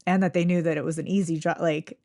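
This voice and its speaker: A woman hosting a podcast interview, asking questions and telling quick, chatty stories, often laughing. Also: lowish voice, fairly even intonation, darkish tone. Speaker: podcast host. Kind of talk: casual interview chat.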